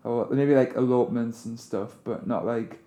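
A man, a wedding photographer chatting casually as a podcast co-host in a mumbling, relaxed way. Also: mid-range voice, moderate pace. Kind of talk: casual chat.

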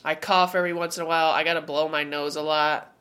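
A woman's voice: deep voice, little pitch movement, fast talker, fairly bright tone. A woman co-hosting a podcast in casual chat, sounding congested and stuffy-nosed from a head cold. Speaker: podcast co-host.

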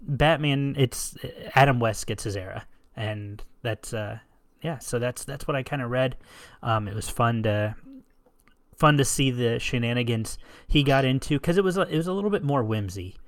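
A man's voice: medium pitch, moderate pace, no echo, clean studio sound. A man co-hosting a casual comics podcast, rambling with many fillers as he talks. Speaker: podcast co-host. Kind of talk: casual chat.

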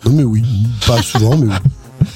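A man's voice: medium pitch, unhurried, darkish tone, faint music behind. A man co-hosting a casual podcast, joking and swearing casually as he answers questions. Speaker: podcast co-host.

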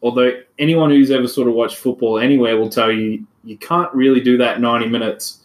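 A man's voice: medium pitch, steady tone, brisk. A man co-hosting a podcast, talking through football tactics in long, thoughtful explanations. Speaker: podcast co-host. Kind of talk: casual chat, football analysis. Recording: echoey room.

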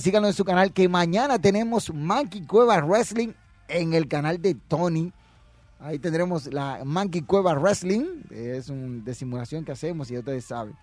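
A man's voice: high voice, dry recording. A man hosting a wrestling podcast, giving brash, mocking commentary and reading viewer comments. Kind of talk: casual opinionated commentary.

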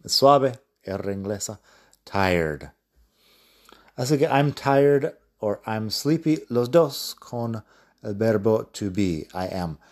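A man hosting a learning podcast, speaking Spanish with as his language, calmly explaining and repeating example phrases. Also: fairly low pitch. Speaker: podcast host and English teacher. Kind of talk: casual podcast lesson.

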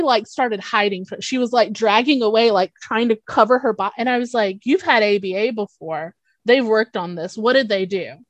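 A woman's voice: medium pitch, no room sound. A woman, a children's therapist, telling stories in a casual conversation, acting out the quotes and speaking frankly and informally. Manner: animated storytelling with acted-out quotes. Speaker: guest, children's behavior therapist.

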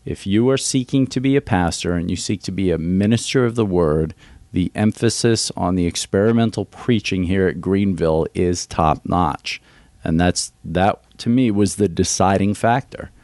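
A man's voice: sits low, moderate pace, a little mellow, no echo. A man graduating from seminary, answering interview questions in an earnest, plain, explanatory way.

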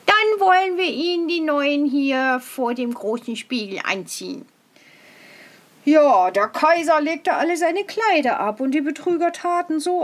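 A woman reading a fairy tale aloud in an expressive storytelling manner. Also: high voice.

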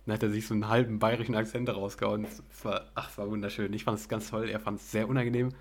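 A young man co-hosting a podcast in a relaxed, chatty way, laughing easily. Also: lowish voice, fast. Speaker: podcast co-host. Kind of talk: casual chat.

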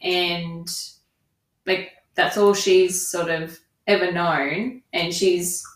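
A woman's voice: on the low side, steady tone, drawn-out words. A woman co-hosting a podcast, talking in a casual book review style. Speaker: podcast co-host. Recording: echoey room.

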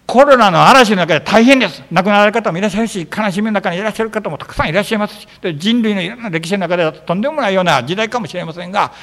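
Man preaching in a church hall, fairly high voice, storyteller who acts out lines. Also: racing, hardly any pauses. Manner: animated storytelling, acting out biblical dialogue. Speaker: pastor. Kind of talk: sermon. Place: church sanctuary.

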